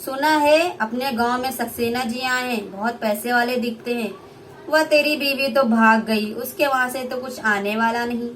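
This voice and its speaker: Young woman playing greedy mother-in-law, shrill, scolding, shouting, high-pitched, puppet play, faint hiss. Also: fairly even intonation, normal speed, close to an everyday voice. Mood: scheming.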